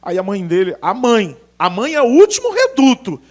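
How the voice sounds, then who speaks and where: A male pastor, preaching in an unusually high voice that leaps up and down with lively emphasis. He tells stories and acts out the people in them. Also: normal speed. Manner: animated, emphatic, acts out dialogue. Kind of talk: storytelling sermon.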